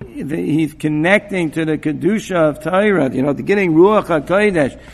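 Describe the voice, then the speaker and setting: A man giving an informal Torah talk to students, halting with many restarts and repeated words, and peppering his speech with Hebrew and Yiddish terms. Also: fairly high pitch, creaky, big-room sound. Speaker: rabbi giving a mussar talk.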